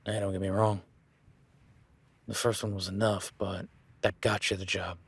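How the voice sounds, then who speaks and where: A man voices a rugged cowboy rancher in a first-person audio roleplay, gently ribbing a new hand with a wry, laid-back teasing and murmuring softly to his horse. His lowish voice carries a husky, breathy edge, delivered at a moderate pace in a level tone. The recording is dry and close, with no room sound.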